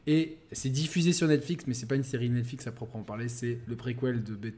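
A man's voice: medium pitch, steady tone, fairly quick, dark tone. Slangy enthusiastic man co-hosting a podcast. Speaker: podcast co-host. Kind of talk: casual chat.

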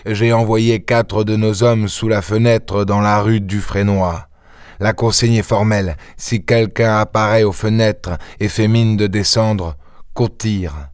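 A man voicing an impatient, gruff middle-aged police inspector who talks in an excitable, insistent way, for an audiobook. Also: lowish voice, measured pace, dry recording, clean studio sound, natural voice. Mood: confident. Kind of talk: audiobook character voice.

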